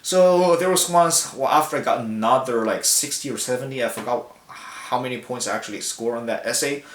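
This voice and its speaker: A young Mandarin-speaking man from China gives a personal public talk in a roomy hall where his mid-pitched voice echoes. He thinks aloud reflectively, halting with plenty of ums, restarts and self-corrections. There's slight background noise.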